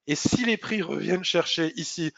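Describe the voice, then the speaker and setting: A man presenting a live market review, explaining charts while thinking aloud, pausing and clearing his throat. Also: a little high, a bit bright. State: slightly hoarse, clearing throat.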